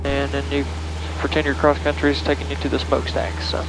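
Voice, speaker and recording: A man's voice: medium pitch, completely flat delivery, quick pace. A middle-aged man, a flight instructor, coaching casually over a pilot headset intercom. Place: small propeller plane cockpit in flight. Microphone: aviation headset boom mic. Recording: headset intercom with clear engine noise.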